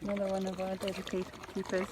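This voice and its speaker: Outdoors at an elephant nursery, a woman hosts casual live commentary, chatty and fond of the animals. She talks fast in a monotone, mid-range voice. Outdoor ambience and background noise are clearly audible.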